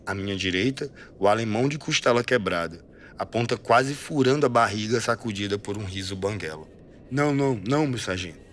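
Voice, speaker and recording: A man with a Brazilian accent reading a literary short story aloud in a measured, expressive way. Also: fairly low pitch, a little hiss or hum. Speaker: story reader.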